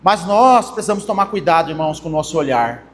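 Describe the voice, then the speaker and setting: Young Brazilian pastor, high voice, hall reverb. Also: male voice, expressive, fast talker. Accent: Brazilian Portuguese. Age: young adult. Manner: conversational preaching with anecdotes, addresses congregation as brothers. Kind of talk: sermon. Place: church hall. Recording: long church hall reverb.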